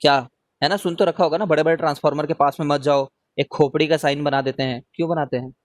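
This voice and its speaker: A man's voice: on the high side, fairly even intonation, fast, no echo. A man teaching a live online revision class, talking casually and often checking in with his students as he answers their questions.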